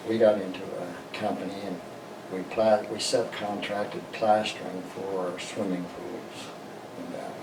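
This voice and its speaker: An older American man speaks from a little way off in an echoing room. He is a veteran looking back on his life, plain-spoken and halting, in a low voice that stays fairly flat. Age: older, 60s or above. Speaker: interviewee, war veteran. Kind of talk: personal reminiscence in an interview. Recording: roomy, distant mic, noisy background.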